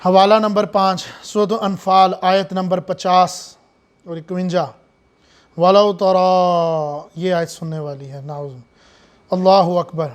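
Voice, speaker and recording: A man preaching a sermon, swinging from hushed asides to loud, impassioned lines with many rhetorical questions. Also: high-pitched, level tone, smooth.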